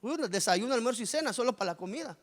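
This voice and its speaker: A male pastor preaching with animated energy, firing rhetorical questions at his congregation. His voice sits high for a man, and the sound carries the long reverb of a church hall. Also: very fast. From Guatemala. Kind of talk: sermon.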